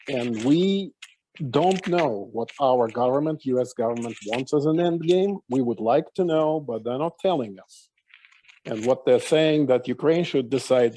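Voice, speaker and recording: Opinionated man with a mellow voice. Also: medium pitch, slight background noise, poor audio. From Soviet Union. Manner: opinionated, stammering restarts. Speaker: discussion participant. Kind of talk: casual panel discussion. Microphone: video call.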